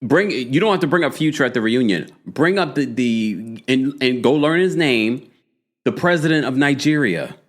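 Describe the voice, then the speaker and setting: A man with a mid-range voice hosts a relaxed live recap of a reality show. He's gossipy and animated, tossing quick asides to his chat.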